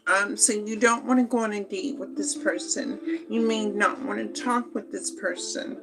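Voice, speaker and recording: A woman giving a slow, meandering spoken tarot reading, with many fillers and pauses. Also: mid-range voice, fairly even intonation, gravelly, music in the background, poor audio. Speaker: tarot reader.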